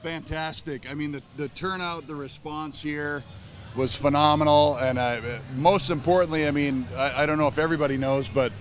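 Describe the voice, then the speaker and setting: Higher-voiced man interviewed amid faint noise. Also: steady tone, moderate pace. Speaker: interviewed auction company principal. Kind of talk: casual interview.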